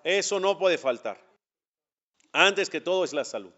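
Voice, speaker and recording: The rabbi's voice is a little high for a man, bright and forceful, and he speaks expressively at a slightly slow pace. Teaching a religious class, he converses directly with his students and answers the questions he poses. The recording sounds dull and lo-fi.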